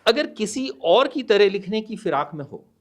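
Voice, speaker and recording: A middle-aged man, a guest author on a podcast, speaking in a measured, deliberate way and mixing Hindi and English, with hesitant pauses. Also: high-pitched, big pitch swings. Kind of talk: podcast interview, reading a poem aloud.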